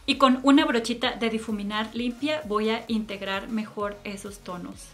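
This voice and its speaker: A woman's voice: on the high side, fairly even intonation, moderate pace. A woman giving a chatty makeup tutorial and product review, fond of cute diminutives. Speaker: beauty vlogger.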